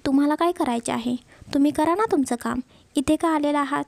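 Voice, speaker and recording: A woman's voice: high-pitched, a little fast, vocal fry, a little mellow, dry recording. A woman voicing a stubborn, sulking young wife who pouts and complains. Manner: sulky, pouting complaints.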